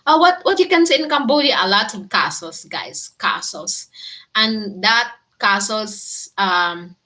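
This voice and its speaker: Slow, bright-voiced Filipina vlogger. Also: female voice, mid-range voice. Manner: chatty, giggly, answers viewer comments. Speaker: vlogger answering viewers. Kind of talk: casual live chat with viewers.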